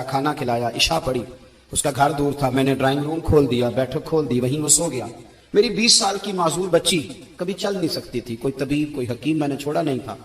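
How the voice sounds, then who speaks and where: A man preaching an emotional sermon, telling stories dramatically and swinging between loud exclamations and hushed narration. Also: on the high side, roomy sound. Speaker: Islamic preacher.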